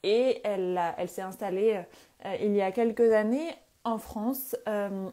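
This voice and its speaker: A woman's voice: mid-range voice, unhurried, mellow. A woman hosting and moderating a live interview, eager, with frequent fillers in her introductions. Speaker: host and moderator.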